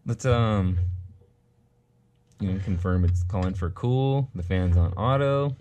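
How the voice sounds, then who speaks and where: A man with a deep, dark voice takes his time as an HVAC technician instructor giving a hands-on troubleshooting demo. At a workshop bench with a test board, he walks through the steps casually, thinking aloud while testing a circuit.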